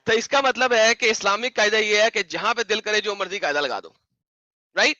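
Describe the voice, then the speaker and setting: Sharp, bright-voiced mocking debater man. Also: high-pitched, no room sound, lo-fi sound. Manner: mocking, insistent, repeats his questions. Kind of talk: heated online debate.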